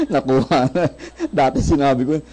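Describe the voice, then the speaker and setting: A man's voice: on the high side, darkish tone, rough recording. A man with a Filipino accent giving a live health product presentation, asking the audience questions, answering them himself and joking with them. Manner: jokes and laughs with the audience.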